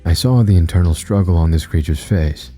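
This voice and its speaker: Guy reading a creepy story, really deep dark husky voice, soft music under it. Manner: slow, steady, measured reading. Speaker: narrator. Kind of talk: scripted horror story narration.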